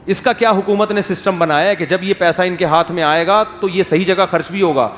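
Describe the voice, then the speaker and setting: A man delivers a sermon with a slightly high voice, shifting between emphatic, pointed questions and soft, hushed asides. The sound is roomy, with a long hall reverb and faint ambience underneath. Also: slight background noise. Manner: animated, rises to emphatic questions, drops to soft quotes. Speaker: Islamic scholar giving a talk.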